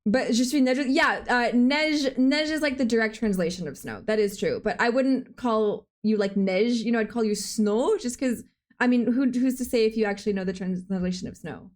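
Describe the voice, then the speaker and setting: A young woman streaming live, chatting playfully and quickly as she answers her chat. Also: on the high side. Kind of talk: casual live-stream chat, reading chat aloud.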